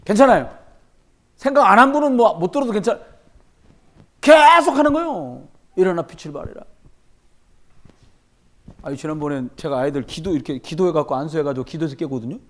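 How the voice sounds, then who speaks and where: High-pitched, lively male preacher. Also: fast talker. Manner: animated, emphatic, storytelling with humor. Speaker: pastor. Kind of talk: sermon. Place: church sanctuary during a midweek service.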